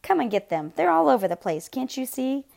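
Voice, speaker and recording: Woman reader as a fierce small mother, defiant, scornful, loud retorts, storybook voice. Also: sits high, sing-song, a little fast, creaky, voice pushed up, exaggerated voice. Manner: defiant, scornful, shouting back.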